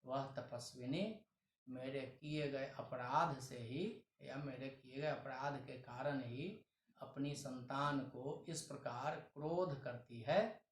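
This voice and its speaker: A man's voice: medium pitch, takes it slowly. A male teacher with a Hindi accent reads a Sanskrit text one line at a time and explains each line in plain Hindi. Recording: echoey room.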